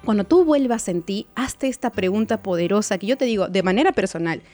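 A woman's voice: mid-range voice, lively intonation, brisk, warm tone. Coaching woman psychologist, faint music. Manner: coaching, repeats words, asks listeners for agreement. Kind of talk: advice talk to viewers.

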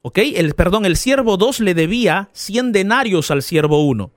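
A male pastor giving a radio sermon, retelling a parable with animated storytelling and asking the listener questions. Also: high voice, moderate pace, dry recording, studio quality, faint music behind.

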